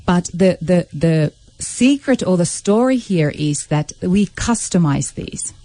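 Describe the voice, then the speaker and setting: Woman with a dark, mellow voice. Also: fairly low pitch, lively intonation, takes it slowly, no echo. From Finland. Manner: earnest, explaining at length. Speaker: guest, social entrepreneur. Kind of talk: radio interview. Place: radio studio.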